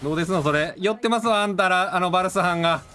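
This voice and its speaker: A man's voice: high-pitched, very fast, bright, forceful tone. A man chatting casually while playing a game, joking around in an exaggerated put-on Kyoto-style dialect. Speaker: gamer.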